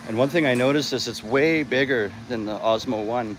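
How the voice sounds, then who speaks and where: A man's voice: mid-range voice, normal speed, poor audio. Rambling man on a street walk. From Canada. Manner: rambling, loose, full of fillers and restarts. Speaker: vlogger and host. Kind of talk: casual walking livestream chat. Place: outdoors on a busy roadside. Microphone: phone held while walking. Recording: phone audio with loud traffic. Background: passing vehicles and street noise.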